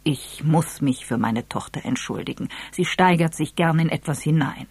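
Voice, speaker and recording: A melancholy older father with a deep, heavy way of speaking, as a storyteller voices him. The delivery is slow and subdued, close and dry. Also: a little mellow, breathy edge, dry recording. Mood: apologetic.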